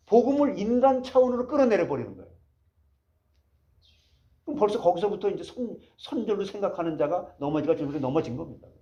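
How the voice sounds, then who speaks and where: A male pastor preaches with a high, lively voice that swings up and down as he presses his points. He keeps turning to the congregation with rhetorical questions. The recording sounds dull and lo-fi. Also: fast talker. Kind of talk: sermon.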